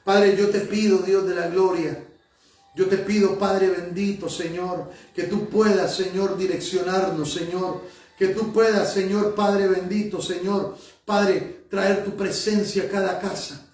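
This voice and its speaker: A high-voiced male pastor and prophet prays fervently in a church sanctuary, his steady tone and measured pace carrying across the echoey hall from a distance. This sermon and spoken prayer keeps circling back to "Señor" and "Padre" between phrases, with soft music underneath.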